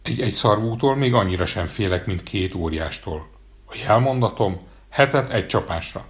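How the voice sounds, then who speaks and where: A man's voice: low voice, natural voice. A man voicing a boastful, clever little male tailor in a storybook reading, bragging and breezy.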